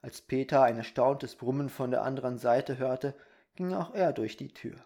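A storyteller reading a children's bedtime story aloud in a calm, measured manner. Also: medium pitch.

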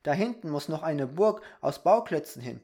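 A storybook reader voicing a small, wide-eyed boy who asks and wishes for things in an excited, eager way. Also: mid-range voice, moderate pace, lightly acted.

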